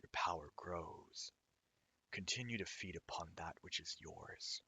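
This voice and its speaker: A man voicing an ominous, unseen power in a hushed, breathy whisper while reading a game's dialogue. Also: deep voice, measured pace, full character voice.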